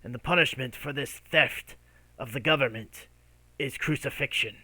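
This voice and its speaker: A man's voice: medium pitch, moderate pace, pushed and bright, no room sound. A man voicing a blank, menacing skeleton tax enforcer in a tabletop game, with an unearthly voice and formal pronouncements. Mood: stern, threatening.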